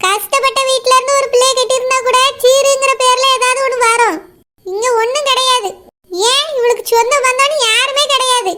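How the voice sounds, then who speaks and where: A woman's voice: extremely high pitch, fairly even intonation, fairly quick, sharp tone. A woman voicing a bitter, complaining middle-aged mother-in-law in a cartoon. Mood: resentful. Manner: resentful, whining. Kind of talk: cartoon voice acting.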